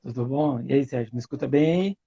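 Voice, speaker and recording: A man's voice: medium pitch, fairly quick, creaky, warm tone. A man speaking as a guest on a live stream over a video call, his audio choppy and breaking up from a bad connection. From Boituva, São Paulo state, Brazil. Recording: dull lo-fi video call sound.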